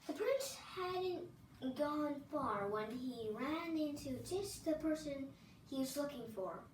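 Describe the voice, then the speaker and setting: A child reading a picture book aloud and adding asides, with expressive, drawn-out words. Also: high-pitched. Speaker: storybook reader for a channel. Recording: distant mic, roomy echo, faint noise.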